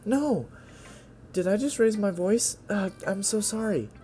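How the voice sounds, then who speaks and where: A man putting on a timid girl's high voice. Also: normal speed, a little mellow, faint music behind, close to an everyday voice. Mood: flustered. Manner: hesitant, apologetic, stammering. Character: shy, timid teenage girl poet, soft-spoken. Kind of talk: video game voice-over reading.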